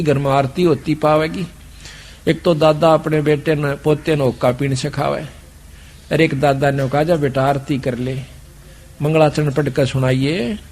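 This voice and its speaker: A man with a Haryanvi accent preaches to a gathering in an earnest, admonishing tone. His voice sits somewhat high for a man. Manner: earnest, admonishing, rustic dialect. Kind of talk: sermon. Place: satsang gathering.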